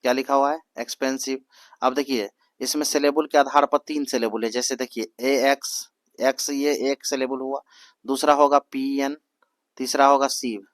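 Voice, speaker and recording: Young man, exam coaching teacher, repeats answers drill-style, slow word-by-word English reading, dry close sound. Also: mid-range voice, fairly even intonation, no echo. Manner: reads English prompts slowly and word by word. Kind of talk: Hindi exam-prep lesson mixed with English.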